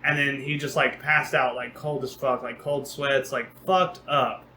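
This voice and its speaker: A young man co-hosting a podcast, telling a long, rambling, profane story in a casual, animated way. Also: medium pitch, unhurried. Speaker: podcast co-host. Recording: roomy echo, faint background noise.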